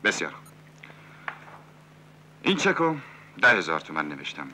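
A man playing a scheming, smooth-talking cabaret owner in a dubbed 1970s film. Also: low-pitched, big pitch swings, bright, forceful tone, a little hiss or hum, full character voice. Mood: persuasive.

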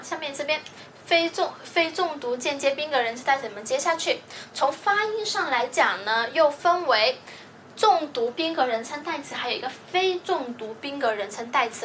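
A woman's voice: high-pitched, animated, normal speed, a bit bright, slight background noise. A woman teaching a grammar lesson, explaining patiently step by step and often checking that students follow. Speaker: language teacher.

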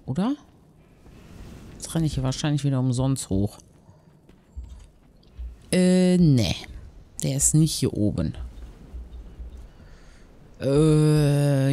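A man giving casual, slangy gameplay commentary, thinking out loud as he goes. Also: on the high side. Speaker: let's player. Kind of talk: casual gameplay commentary with quest text read aloud.

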